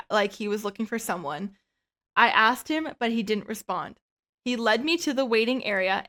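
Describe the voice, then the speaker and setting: A woman with a slightly high voice, co-hosting a laid-back podcast. She reads listener stories aloud and weighs in with easygoing opinions, often letting her words drop off into a soft mutter. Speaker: podcast co-host. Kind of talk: casual chat and reading stories aloud.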